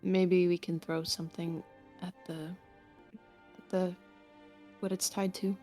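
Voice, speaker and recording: A woman playing a tabletop game, talking casually with quick, teasing remarks to her fellow players. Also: lowish voice, flat delivery, mellow, faint music behind.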